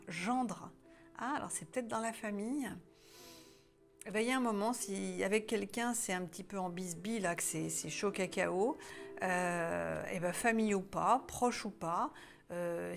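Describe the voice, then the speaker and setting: A woman's voice: medium pitch, gravelly. A woman giving a casual tarot guidance reading, talking hesitantly with many fillers and restarts, chatty and informal. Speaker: tarot card reader.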